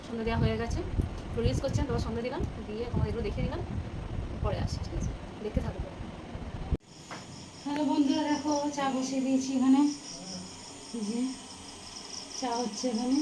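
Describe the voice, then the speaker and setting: In her kitchen, a woman casually vlogs her shopping and cooking, chatting with viewers as if they were friends while she shows things off. Her voice is a little high and quick with frequent pauses, over loud home background noise.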